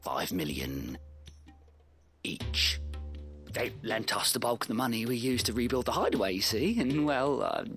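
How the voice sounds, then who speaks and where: Nervous bookkeeper in a game, whispered role-play, breathy, slow, pitch jumping around. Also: male voice, expressive, a bit bright, soft background music. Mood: evasive. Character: sheepish bumbling bookkeeper man, nervous and evasive. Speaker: game character.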